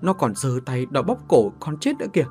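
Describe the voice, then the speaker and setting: A man's voice: mid-range voice, huge pitch swings, fast, a little mellow, faint music behind. A man voicing a terrified young woman who cries and pleads in a ghost story. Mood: sobbing fear. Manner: shrieking, sobbing pleas.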